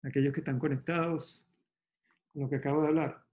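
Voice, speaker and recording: A man teaching an online meditation class in a slightly high, mellow voice. He explains slowly and gently, pausing to reflect. The sound is a little dull, as on a video call. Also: level tone. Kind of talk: calm spoken meditation talk on a video call.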